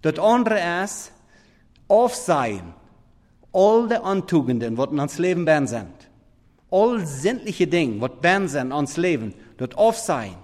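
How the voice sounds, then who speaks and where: A man preaching a sermon in halting, non-standard German, swinging between loud emphatic scripture reading and quiet murmured asides. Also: a little high, very animated. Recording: long reverb of a big hall.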